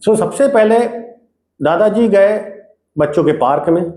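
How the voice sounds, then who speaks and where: Male tutor, high voice, casual story retelling with check-ins, roomy echo. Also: expressive, measured pace, warm tone. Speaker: teacher. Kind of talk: retelling a textbook story as a lesson. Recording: echoey room.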